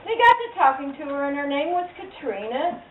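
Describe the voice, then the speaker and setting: A woman's voice: high voice, very animated, brisk. A woman telling a children's story live in a theatrical, folksy, emphatic manner. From Louisiana, USA. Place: live before an audience of children, distant mic. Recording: tinny, distant, echoey live recording with noise.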